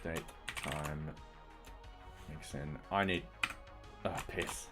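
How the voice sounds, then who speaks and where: A man's voice: very deep voice, steady tone, extremely slow, over music. A man streaming himself writing code, talking casually through each step with dry, slightly sarcastic asides. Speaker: streamer and software developer. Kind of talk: live coding commentary.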